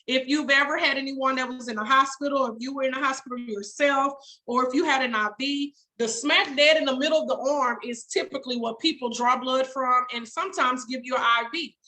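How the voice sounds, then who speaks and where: A woman's voice: high-pitched, bright, forceful tone, low-quality recording. A woman instructor lecturing a class, spelling out terms and checking in often with "okay?". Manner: casual, folksy teaching talk. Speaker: phlebotomy instructor.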